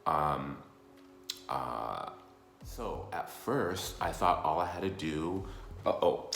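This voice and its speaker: A man giving a casual, rambling personal update in halting explanations with repeated words. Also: a bass voice, lively intonation, creaky, a bit bright, echoey room. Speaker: vlogger.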